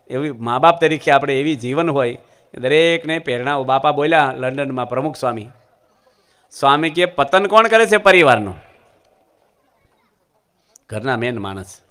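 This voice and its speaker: A man with a Gujarati accent giving a religious discourse, telling anecdotes with humorous asides to his audience. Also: medium pitch. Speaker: monk preacher.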